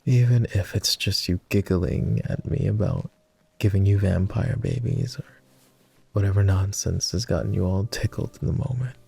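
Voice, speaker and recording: Heavily acted at normal speed, a low-sitting, soft, gravelly, breathy male voice portrays a tender vampire lord who is easily flustered. The ASMR boyfriend roleplay is intimate and gently inviting, delivered hesitantly with formal, old-fashioned phrasing.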